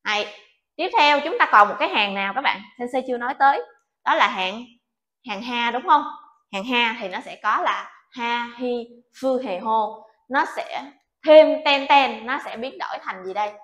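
A woman's voice: on the high side, lively intonation, moderate pace, a bit bright, dull audio. Patient teacher woman in an echoey room. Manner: patient, coaxing, checks in with "được chưa?" often. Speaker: Japanese language teacher. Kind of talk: online alphabet lesson.

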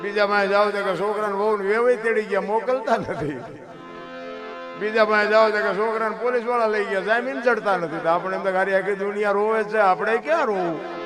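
High-voiced Kathiawadi folk storyteller man. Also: brisk, music in the background, a crowd in the background. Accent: Kathiawadi Gujarati. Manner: folksy, calls the listeners "bapu", bursts into high loud exclamations. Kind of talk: folk dayro storytelling with moral sayings. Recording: musical accompaniment playing behind the voice.

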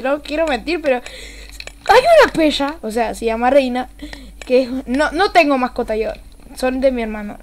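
This is a young woman streamer with an Argentine Spanish accent, narrating her gameplay live. Excitable and casually profane, she swings from quiet muttering to abrupt shouting.

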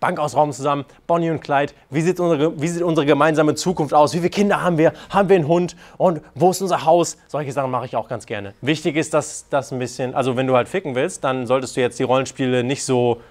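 A man giving casual dating advice, animated and crude, acting out quoted lines and joking frankly. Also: fairly high pitch, fast, few pauses. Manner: animated, acts out quoted lines in put-on voices. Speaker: dating coach. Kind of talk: casual coaching talk.

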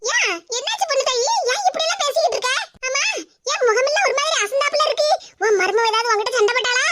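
A woman's voice: very high voice, animated, background noise. A woman voicing a nosy, insistent middle-aged village woman with a Tirunelveli Tamil accent. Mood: coaxing. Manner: coaxing, insistent, quick questions.

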